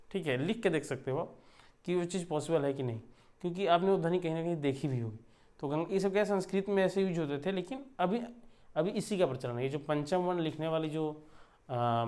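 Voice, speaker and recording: A man's voice: fairly high pitch, a little mellow. A man teaching a lesson, explaining step by step and checking in with his students as he writes. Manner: explains step by step, often asks ठीक है. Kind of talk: classroom lesson.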